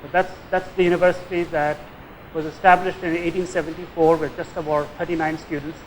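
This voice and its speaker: A man's voice: on the high side, little pitch movement, fairly quick, slight background noise, low-quality recording. An older man from India with a Tamil accent gives an informal lecture, conversationally tagging his phrases with "eh?" or "yeah?". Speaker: guest lecturer, nuclear engineering professor.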